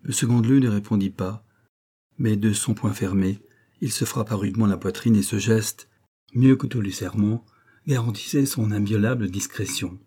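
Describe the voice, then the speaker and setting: Low, husky male audiobook narrator. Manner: measured, even reading.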